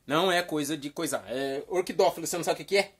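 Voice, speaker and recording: A woman hosting a playful comedy vlog, rambling and teasing, with sudden mock shouts. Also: low voice, quick pace, breathy edge. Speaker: vlog host.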